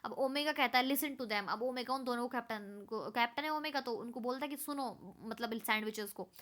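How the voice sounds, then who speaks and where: Bright-voiced woman explaining a lesson. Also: fairly high pitch. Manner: reads English lines slowly then explains in Hindi. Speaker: teacher. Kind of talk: explaining a story chapter.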